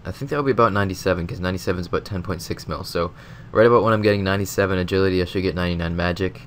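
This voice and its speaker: A man's voice: low voice, very fast, a little hiss or hum. A man with a stuffy, sick nose, casually rambling through a game commentary voice-over with lots of filler words. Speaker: gaming video host.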